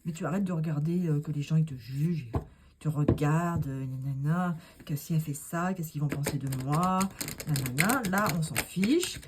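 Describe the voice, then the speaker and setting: A woman's voice: low voice, moderate pace, noisy background. A woman doing a casual tarot card reading, talking straight to the viewer in an encouraging, rambling way. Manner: rambling, with many fillers and asides.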